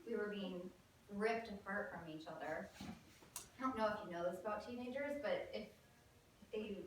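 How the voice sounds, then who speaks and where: A woman's voice: mid-range voice, normal speed, slight background noise. A woman in her thirties telling a comic personal story on stage, with wry, self-mocking timing. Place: theater stage with live audience. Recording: roomy, distant live stage recording.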